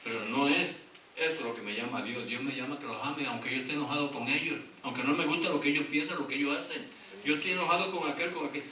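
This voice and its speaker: A middle-aged pastor with a bright, pushed, medium-pitched voice preaches quickly in a church sanctuary, reading scripture aloud and calling for the congregation to answer back. Recorded from far off in an echoey hall, the congregation can be heard, along with slight background noise.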